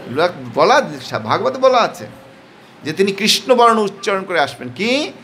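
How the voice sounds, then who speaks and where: A man's voice: high-pitched, sing-song, moderate pace, a bit bright, a little hiss or hum. A man giving a devotional sermon with a Bengali accent, asking rhetorical questions and answering them himself with emphatic "yes", at times leading the crowd in chanting. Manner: leads crowd in call-and-response chanting. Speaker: preacher.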